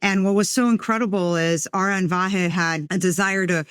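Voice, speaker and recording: A woman's voice: lowish voice, steady tone, moderate pace, smooth, no room sound, clean studio sound. A woman venture investor from the United States, answering interview questions in a reflective way, with frequent "you know" and "um". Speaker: venture capital investor, podcast guest.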